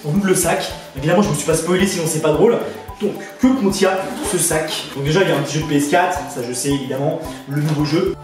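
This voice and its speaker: A man talks rapidly and eagerly into a headset, calling his viewers his friends as he unboxes things. His voice comes across distant in a very echoey room, with music playing underneath. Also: fairly high pitch. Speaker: YouTuber. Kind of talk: casual unboxing chat. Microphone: borrowed headset.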